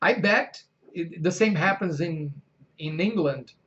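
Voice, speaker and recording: A man with a Brazilian Portuguese accent hosting an interview in English, halting with many fillers. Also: a little high, fairly bright tone, slight background noise. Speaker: host, English teacher. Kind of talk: casual interview. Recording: dull lo-fi sound.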